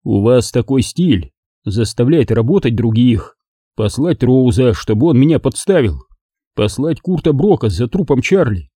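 A man's voice: mid-range voice, animated, moderate pace, warm tone, husky, no echo, clean studio sound. A man reading an audiobook and voicing a blunt, persistent male detective who questions accusingly. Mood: accusatory.

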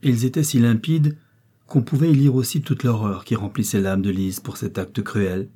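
A man reading a novel aloud as audiobook narrator, in a measured, steady manner. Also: medium pitch. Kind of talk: scripted narration.

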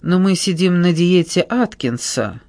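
A man's voice: sits high, expressive, unhurried, darkish tone, no room sound. A man reading a dry, wry middle-aged woman. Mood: calm. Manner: cool, dry, metallic when firm.

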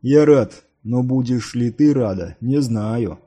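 A man's voice: takes it slowly, mellow, soft background music, lightly acted. A man voicing a giant brutish warrior who is mocking and domineering. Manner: mocking, booming delivery.

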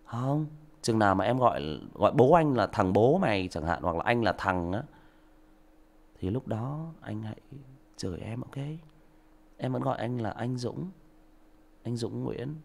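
Gravelly livestream host. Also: male voice, mid-range voice, animated, unhurried, long pauses. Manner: lecturing, indignant, rhetorical questions. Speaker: audiobook narrator and livestream host. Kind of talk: livestream talk to listeners.

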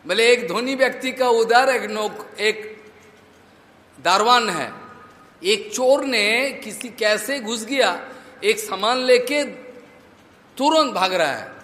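A man's voice: high voice, a bit bright. A man, a monk preacher, telling a devotional story as a sermon, checking in with his listeners through rhetorical questions and mixing in English words. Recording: echoey hall reverb.

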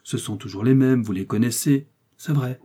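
A man reading aloud, voicing a calm, shrewd detective who questions precisely and insistently. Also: medium pitch, moderate pace, slightly rough, lightly acted. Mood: patient. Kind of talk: audiobook reading.

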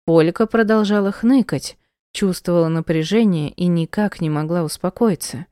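A woman narrating a first-person audiobook in a measured, emotional storytelling manner. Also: on the low side, dark tone, clean tone, no echo, studio quality.

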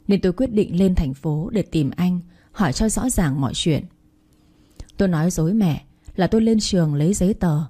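A woman's voice: lowish voice, dark tone. A young woman from Thanh Hóa narrating a sad story in the first person, in a plaintive, emotional way. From Thanh Hóa, Vietnam.

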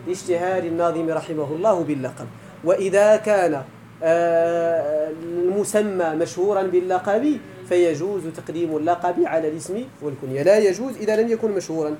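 A man with a Moroccan accent teaching an Arabic grammar lesson, chanting verses slowly and quizzing his students. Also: high-pitched, mellow, a little hiss or hum, low-quality recording.

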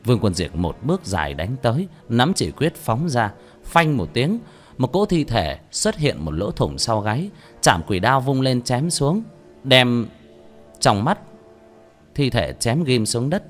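A man narrating a fantasy novel as an audiobook, in steady storytelling that rises on action. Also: medium pitch, measured pace, faint music behind.

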